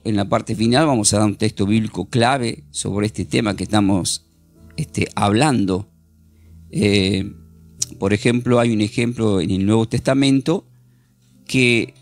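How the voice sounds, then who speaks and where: A man teaching a Bible class, earnestly reading scripture aloud with emphasis. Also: medium pitch.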